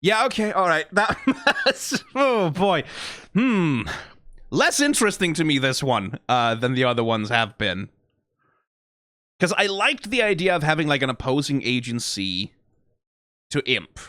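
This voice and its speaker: Hosting a reaction video, a man delivers casual critical commentary that rambles and analyzes, peppered with "like" and "right?" and carrying a wry, profane edge. His voice is on the high side, very animated, a little slow, bright, and forceful. The recording is clean studio sound with no room sound.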